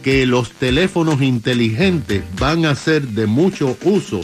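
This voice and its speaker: A man co-hosting on radio, explaining a news item to his partner in a measured way. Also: mid-range voice, lively intonation. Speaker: radio co-host. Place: radio studio. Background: music bed.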